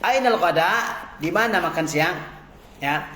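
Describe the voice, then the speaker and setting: A man's voice: sits high, lively intonation, measured pace, pushed and bright, echoey room. A male Arabic teacher, drilling phrases and explaining grammar in class, asking questions and answering them himself.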